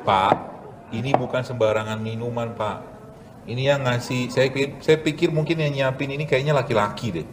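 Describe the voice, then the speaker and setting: A mid-pitched man lectures as a doctor in an event hall, mixing health advice with jokes and running a cooking demonstration. He poses questions and answers them at once, in a lively, teasing way, over a faint hum of background noise. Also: normal speed. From Indonesia. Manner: joking, animated, rhetorical questions answered himself. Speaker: doctor giving a health talk. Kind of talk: casual lecture with live demonstration.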